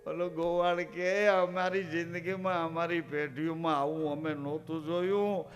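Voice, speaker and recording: A man's voice: fairly high pitch, fairly even intonation, a little slow. A man preaching a devotional sermon, telling a story and calling out the characters' lines. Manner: storytelling, acting out characters' calls. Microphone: live program recording.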